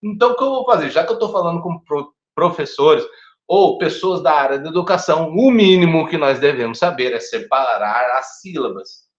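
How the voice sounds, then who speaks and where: A man with a Brazilian Portuguese accent giving a first aid lecture to teachers, animated and chatty, often checking that his listeners follow. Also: a little high, moderate pace. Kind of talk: online teacher training lecture. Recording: echoey room, dull lo-fi sound.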